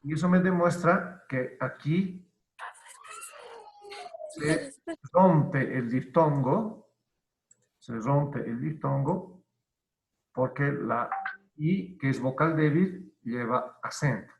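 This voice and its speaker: A male teacher giving an online grammar lesson, who explains deliberately, repeats key terms and asks and answers his own questions. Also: fairly high pitch, creaky. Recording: roomy, dull lo-fi online class audio.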